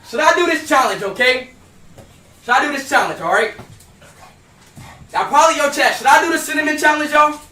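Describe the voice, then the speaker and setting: A young man streaming live, loud and hyped, then dropping to nervous mutters. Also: very high-pitched, expressive, a little fast, pauses often, far from the mic. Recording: roomy, off-mic with hum.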